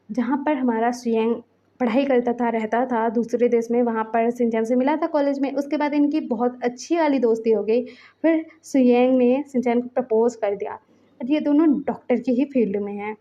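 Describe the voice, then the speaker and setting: Woman storyteller, chatty casual retelling, mellow voice, dull lo-fi sound. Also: on the high side, fairly even intonation, normal speed. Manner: chatty, conversational retelling with many fillers.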